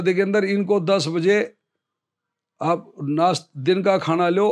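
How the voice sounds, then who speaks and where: A man in his fifties, an army veteran, telling a story in an interview in a lively way and acting out what others said. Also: sits high.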